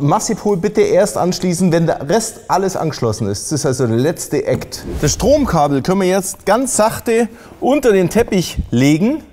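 A man's voice: a little high, dark tone. A middle-aged man explaining a car audio installation step by step in a casual, plain way while he works in a workshop. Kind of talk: hands-on installation tutorial.

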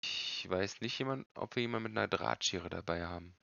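Deep, gravelly man streaming a game. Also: brisk, lo-fi sound, noisy background. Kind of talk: casual game commentary.

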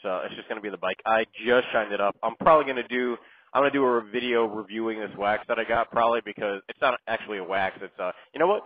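A middle-aged motorcycle vlogger jokes about himself while riding, rambling casually with lots of fillers. He talks fast in a lowish voice, and his helmet mic sounds tinny and muffled, with road noise.

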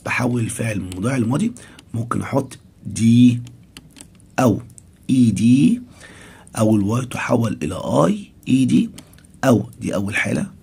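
A man's voice: medium pitch, gravelly, slightly rough. A man with an Egyptian Arabic accent teaching an English grammar lesson to primary pupils. He asks the pupils' questions aloud and answers them himself, repeating each English term and then translating it.

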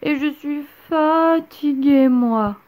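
A woman voicing a cheeky little boy in a storybook reading, with a high childish whine. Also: slow pace, darkish tone. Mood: sulky.

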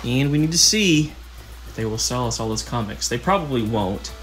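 A man in his thirties hosting a casual vlog, excited and chatty while browsing an indoor flea market. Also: mid-range voice, normal speed, soft background music. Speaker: host.

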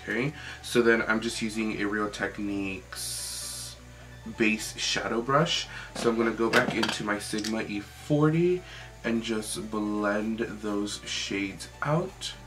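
A young man talks through a makeup tutorial in a casual, informal way. His voice sits a little low, and he peppers his talk with "like". Music plays clearly behind him. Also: slow pace. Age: young adult. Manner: chatty, informal, often says "like".

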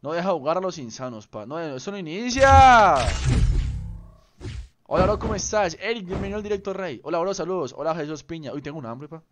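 A man's voice: sits high, lively intonation, brisk, noisy background. A young man, chatting casually on a game stream, teasing and greeting viewers by name. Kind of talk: casual live-stream chat.

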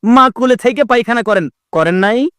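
High-voiced man preaching a Bangla waz. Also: normal speed, a bit bright, clear, resonant tone, no room sound, studio quality. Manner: sing-song preaching, acting out mother and child voices.

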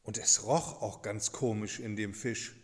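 Slow male children's storyteller in a church. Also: on the low side, steady tone, in a large hall. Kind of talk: children's Bible story narration.

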